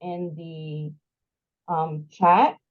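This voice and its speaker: A woman's voice: low voice, little pitch movement, drawn-out words. Woman host, online workshop, friendly chatty tone, muffled lo-fi sound. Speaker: workshop organizer. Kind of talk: casual hosting.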